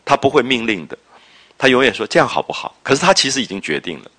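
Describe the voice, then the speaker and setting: A man lecturing on a classic novel. He explains at length in a reflective, drawn-out way, fills his talk with interjections, and checks with his listeners through rhetorical questions. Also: mid-range voice, big pitch swings, pushed and bright. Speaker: literature lecturer.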